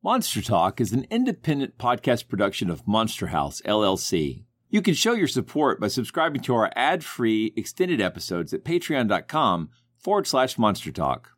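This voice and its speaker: Animated male podcast host, dry sound. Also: lowish voice, normal speed, few pauses, dry recording. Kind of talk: casual podcast hosting.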